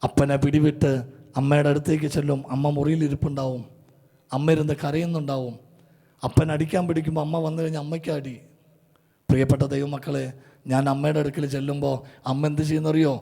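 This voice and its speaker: A middle-aged man preaching an emotional sermon, pleading and fervent, rising to loud climaxes. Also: a little high, flat delivery, fast, creaky, pauses often. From Kerala, India. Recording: large hall reverb.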